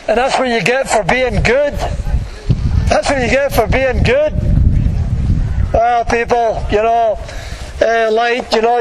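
A man's voice: very high-pitched, poor audio. A man preaching in the open air to passers-by, exhorting them in a colloquial, repetitive way. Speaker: street preacher. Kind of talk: open-air evangelistic sermon, addressing passers-by. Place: outdoors in a public street. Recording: outdoor street recording with faint traffic noise.

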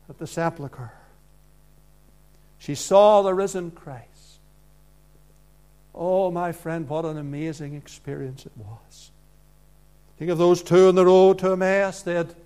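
With a high-pitched, clear and resonant voice, a man preaches an earnest evangelical sermon. He uses short, deliberate phrases and shifts from quiet lines to loud ones.

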